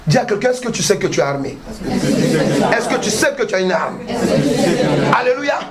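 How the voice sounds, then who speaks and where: Very high-voiced preaching man. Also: sing-song, a little fast, a loud crowd. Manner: emphatic call-and-response preaching, frequent alléluia and amen; bursts into shouting. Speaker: pastor. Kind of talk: sermon.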